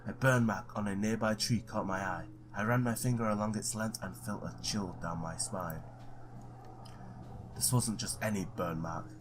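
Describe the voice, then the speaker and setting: A man with a lowish voice reads visual novel text aloud in a let's play, keeping a fairly even intonation at normal speed. He throws in informal asides and sometimes stumbles over words, with background noise in the recording.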